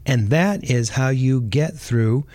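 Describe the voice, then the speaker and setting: A man's voice: mid-range voice, takes it slowly, dry recording. Chatty man, dry studio sound. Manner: relaxed, chatty, repeats words while thinking. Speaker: podcast host. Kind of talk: casual podcast talk.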